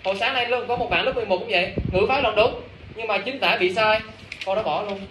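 A man's voice: high-pitched, fast talker. A man teaching a class, coaxing students and asking again and again whether they understand. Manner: coaxing, repeatedly checks understanding. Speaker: English teacher. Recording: roomy, distant classroom recording with noise.

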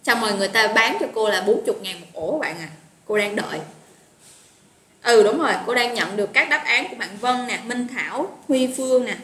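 Slightly high, animated, fairly quick, and a little bright, this woman has a Southern Vietnamese accent. She runs a live online English vocabulary class, chatting and cheering students on as she names them, with roomy echo and faint background noise.

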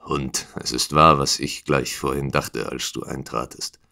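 A man doing a proud, menacing householder, very low. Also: fairly even intonation, a little slow, vocal fry, pushed and bright, full character voice. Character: proud, hostile older male Eastern householder.

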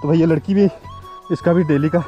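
A young man hosting a motorcycle vlog, talking quickly and chattily to his viewers on a chilly mountain road. His voice sits a little high, and faint music plays under him. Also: fairly even intonation, mellow, highs cut off. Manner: chatty, keeps calling out to viewers as "guys" and "bhai". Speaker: motovlogger host. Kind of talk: casual vlog narration. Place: outdoors on a cold mountain road.

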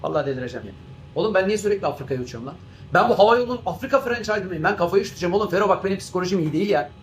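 A fed-up airline captain, played by a man, rattles off his complaints at a quick clip in a fairly high voice. He swings between swearing rants and mock-formal cabin announcements, with a faint rumble underneath. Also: expressive. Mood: exasperated. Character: exasperated male airline captain, always flown to Africa. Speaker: comedian doing a character. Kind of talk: comic monologue sketch.

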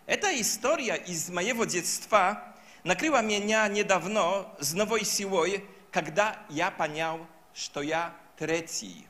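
A man in his fifties with a Polish accent, a native Polish speaker, preaching through personal stories in halting, imperfect speech on a handheld microphone. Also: high-pitched, expressive, pushed and bright. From Poland. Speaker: guest preacher. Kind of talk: sermon with personal storytelling. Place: stage in a church hall.

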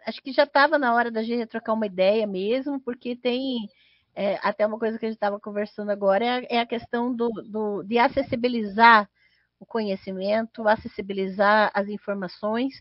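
A Brazilian woman with a fairly high voice hosts a casual livestream. She speaks hesitantly, doubling back on words, in a dry, slightly dull recording with no room sound. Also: dry recording. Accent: Brazilian Portuguese. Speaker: host of a podcast livestream. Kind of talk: casual live chat. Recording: dull, dry lo-fi stream audio.

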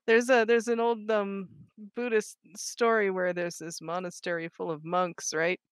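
A woman's voice: medium pitch, level tone, unhurried, smooth, no room sound. Chatty young woman, dry close sound. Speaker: co-host of a gaming channel. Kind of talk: casual chat while playing a game.

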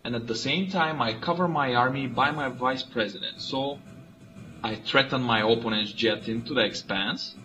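A man from Bulgaria, a native Bulgarian speaker, calmly and methodically explaining his moves in a strategy board game. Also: medium pitch, low-quality recording. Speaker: player. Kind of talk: let's play commentary.

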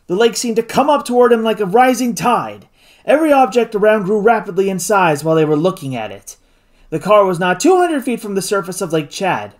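A narrator reading a classic novel aloud in an expressive style. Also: mid-range voice, a little fast. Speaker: audiobook narrator. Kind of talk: scripted audiobook narration.

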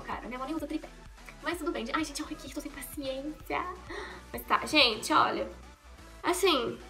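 A woman's voice: high voice, sharp tone. A young woman from Brazil chatting casually as she does her makeup at home, joking and rambling with self-corrections. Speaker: makeup vlogger. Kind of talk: casual get-ready-with-me vlog. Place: at home in a bedroom.

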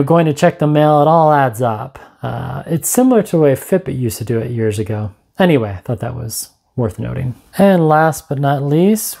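A man's voice: on the high side, warm tone. A man in his forties giving a casual, unscripted gadget review, chatting and thinking aloud as a vlogger. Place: small home room, indoors.

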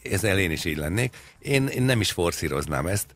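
A man's voice: deep voice, lively intonation, a bit bright, dry recording. A man co-hosting a radio talk show, chatting in a wry, rambling way, spinning absurd jokes with frequent hesitations. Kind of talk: comedic casual chat.

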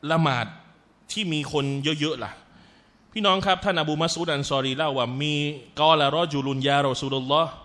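A male Islamic lecturer giving a religious talk, retelling stories in a lively way, mixing in Arabic phrases and calling his listeners brothers and sisters. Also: medium pitch.

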